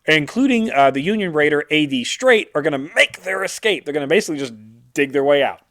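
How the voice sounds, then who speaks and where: Male history podcast host, fairly high-pitched, animated and informal, salty storyteller bantering with a co-host. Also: quick pace. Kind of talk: casual history recap with banter.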